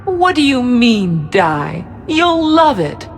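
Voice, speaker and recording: A woman's voice: on the high side, sing-song, slow pace, soft background music, heavily acted. A woman voicing a doting, seductive female android with a menacing streak in a video game, coaxing as she talks. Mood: sweetly insistent.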